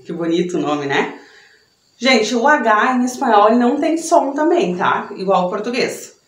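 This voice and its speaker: A woman's voice: on the high side, expressive, normal speed. A young woman from Brazil teaching a Spanish pronunciation lesson in a chatty way, checking in with her students after every point. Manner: chatty, tag questions after each point. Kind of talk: online language lesson. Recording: echoey room.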